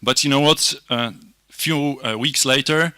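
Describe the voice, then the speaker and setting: Male conference speaker, 30s. Forceful bright tone, halting delivery with restarts, informal motivational lightning talk, close dry handheld mic. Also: medium pitch, clear, resonant tone, dry recording. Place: auditorium stage in front of a screen. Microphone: handheld microphone held close to the mouth.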